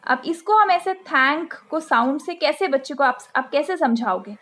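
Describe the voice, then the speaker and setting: A woman from India hosting a channel, teaching phonics to parents and spelling letters out and repeating sounds slowly, with an Indian accent. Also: high voice, animated, fairly bright tone. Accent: Indian English. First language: Hindi.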